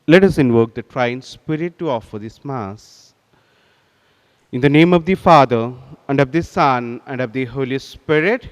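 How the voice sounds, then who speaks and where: Priest at a microphone, cathedral reverb. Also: male voice, medium pitch, lively intonation. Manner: solemn, measured liturgical intoning. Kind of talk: presiding at Mass. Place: large cathedral, indoors. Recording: long reverb of a large cathedral.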